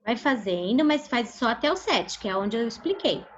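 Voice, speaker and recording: Patient Brazilian teacher on a video call. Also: female voice, on the high side, expressive, a little hiss or hum. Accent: Brazilian Portuguese. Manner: patient, checks in with "tá bom?" often, stretches syllables slowly when modeling words. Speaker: primary school teacher. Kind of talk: online class instruction. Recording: dull lo-fi video call audio.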